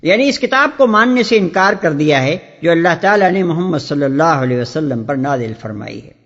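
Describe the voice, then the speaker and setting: Man, formal commentary reading, measured, long reverb, muffled sound. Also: fairly high pitch, animated, fairly bright tone. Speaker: commentary reader.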